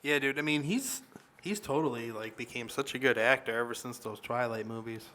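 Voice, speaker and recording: Bright-voiced chatty podcast guy. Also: medium pitch, brisk. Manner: chatty, lots of fillers like "dude". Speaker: podcast co-host. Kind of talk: casual podcast chat.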